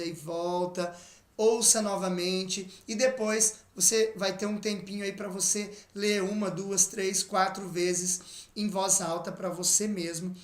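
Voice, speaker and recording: A man from Brazil with a Brazilian Portuguese accent, teaching an online English lesson and patiently reading English examples out slowly. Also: high-pitched, fairly bright tone, roomy sound.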